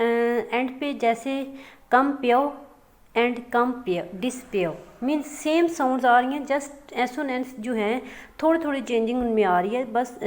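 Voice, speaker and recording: Brief: woman teacher, fairly high voice, patient step-by-step lecture, checks in often. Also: a little mellow. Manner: reads definitions out slowly; writes on a board while she talks. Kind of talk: classroom lecture.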